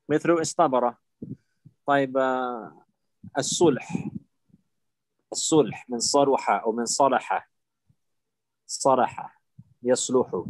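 A man's voice: medium pitch, no echo, rough recording. Patient Arabic grammar teacher, man. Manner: patient, repeats words slowly and drills students. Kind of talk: live online lesson with students.

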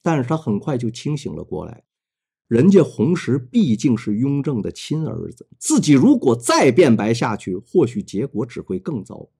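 Husky mellow male storyteller. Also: mid-range voice, moderate pace. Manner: dramatic, expressive. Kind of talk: novel retelling narration.

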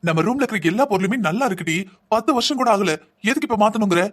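A man's voice: sits high, fast. Thrifty lecturing cartoon husband, voiced by a man. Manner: calm lecturing, explaining at length. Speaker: husband in a cartoon family drama. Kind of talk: Tamil cartoon voice acting.

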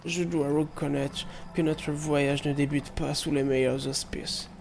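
A man's voice: fairly high pitch, little pitch movement, measured pace, vocal fry, noisy background. A man reading the lines of a queasy male hobbit companion aloud from a game, groaning and rueful. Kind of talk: reading quest dialogue aloud.

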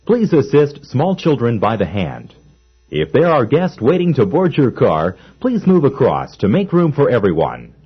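Man, onboard train announcement, polite and formal, husky voice, very lively pitch, dull lo-fi sound. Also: unhurried. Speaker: transit announcer. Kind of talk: recorded monorail announcements. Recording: dull lo-fi old recording.

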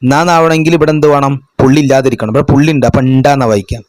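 A man explains exam answers to young students in a patient, step-by-step way, often asking a question and answering it himself. His voice sits in an ordinary middle pitch. The sound is dry and close, with little room echo. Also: very fast, a little mellow. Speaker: madrasa teacher.

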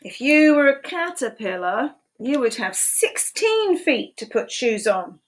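Recorded on a desk webcam in a small room at home, a woman in her sixties reads a picture book aloud to young children. She uses a sing-song storytelling voice and asks them questions. Her voice is a little high and very animated, her pace measured, with a faint hiss or hum.

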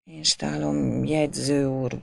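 Woman doing a meek peasant man, quiet and halting, low, gravelly voice. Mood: timid. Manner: timid, stammering, soft-spoken. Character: humble, shamed poor peasant man.

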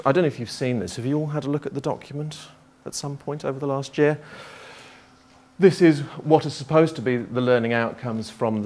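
A middle-aged man from Liverpool giving a conference talk to geography teachers in a lecture theatre, thinking aloud with frequent restarts. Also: mid-range voice. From Liverpool, England.

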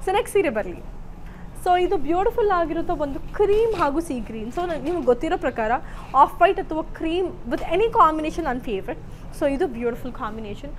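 A woman's voice: high voice, very animated, racing, a little hiss or hum, rough recording. A woman with a South Indian accent hosting a live shopping sales presentation, bubbly and effusive, switching between languages as she talks. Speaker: live saree sales host.

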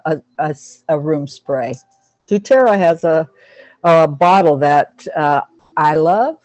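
A woman's voice: sits low, dark tone, dry recording. A woman teaching an online class on a video call, chatty and affectionate, calling people honey and sweetheart. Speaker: animal communicator teaching a class. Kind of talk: casual online class talk.

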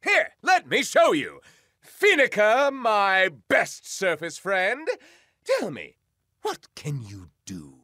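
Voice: medium pitch, wildly swooping pitch, slow pace, sharp tone, no room sound, studio quality, exaggerated voice. A performer voicing a melodramatic, boastful young male wizard who swings from grand speeches to sobbing.

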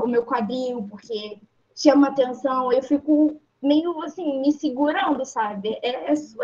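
A woman's voice: a little high, darkish tone. A woman telling a personal story in a group session, emphatic and repetitive, with many fillers. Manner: emphatic, repeats herself, fillers like "tipo assim". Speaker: workshop participant. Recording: dull lo-fi audio.

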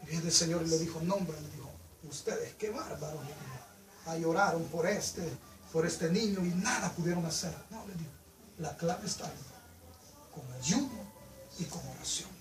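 A man's voice: fairly high pitch, moderate pace. Male preacher, fervent sermon, voice distant in an echoey church room. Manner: fervent, rising to loud emphatic peaks.

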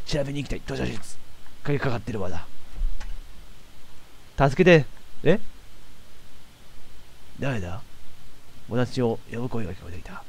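A man with a doing let's play commentary as a game streamer, excitable, stammering, and talking to himself. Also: mid-range voice, a little slow, creaky, long pauses, slightly rough.

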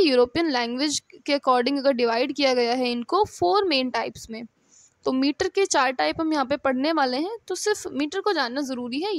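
Woman teacher, high voice, dry close sound, explains patiently and reads definitions slowly. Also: no echo. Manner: mixes Hindi and English, reads English definitions slowly. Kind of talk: explanatory lecture.

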